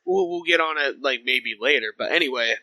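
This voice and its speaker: A young man in his late teens co-hosting a casual music podcast, halting and searching for words as he talks. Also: mid-range voice, sharp tone, low-quality recording. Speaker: podcast co-host. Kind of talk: casual chat.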